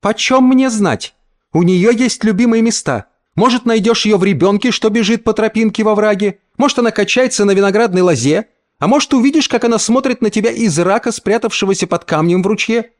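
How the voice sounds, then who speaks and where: A man voicing a cold, scornful mother who speaks in sharp, mocking retorts. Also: high voice, lively intonation, fairly quick, voice pushed up.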